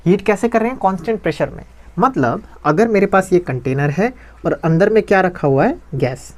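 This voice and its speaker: A man's voice: high voice, lively intonation, normal speed, a little mellow. A man teaching a physics lecture, who keeps asking questions and answering them himself and repeats key phrases.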